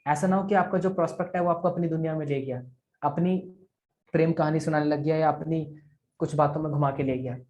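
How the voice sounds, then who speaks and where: A man's voice: a little high, fairly even intonation, fast talker, a little mellow. Man coaching sales over a video call. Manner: coaching, repeats figures aloud, asks "ठीक है?". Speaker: affiliate marketing sales trainer. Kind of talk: live online training session.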